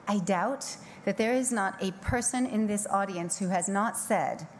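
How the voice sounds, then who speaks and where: A woman's voice: medium pitch, slight background noise. Woman giving a poetic keynote. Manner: measured, poetic delivery with slow emphatic pauses. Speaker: keynote speaker. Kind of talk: scripted keynote speech. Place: large conference hall stage. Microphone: podium microphone.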